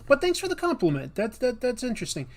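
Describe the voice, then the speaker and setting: Very high-voiced and fast, with huge swings in pitch, a man hosts a laid-back comics livestream while he draws. The comic artist sounds slightly nasal and rambles chattily, packing in fillers and restarts.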